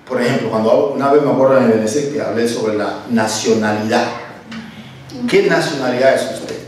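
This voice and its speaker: A man leads a church Bible study, explaining in an animated, self-correcting way. His voice sits at an ordinary pitch and is picked up from a distance in a very echoey room. Faint background noise hangs under the talk.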